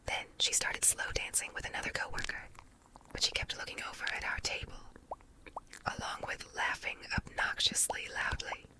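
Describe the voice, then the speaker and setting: A woman reading a story aloud as ASMR in a soft unvoiced whisper, layered into a doubled whisper track. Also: moderate pace, rough recording. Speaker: story narrator.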